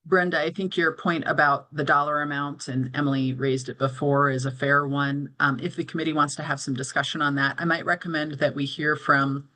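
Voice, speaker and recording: A woman with a bright, clear-edged voice chairs a formal online meeting. She explains procedure and options in careful, official wording, moderating as she goes. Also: deep voice, steady tone, a little fast, hardly any pauses, low-quality recording.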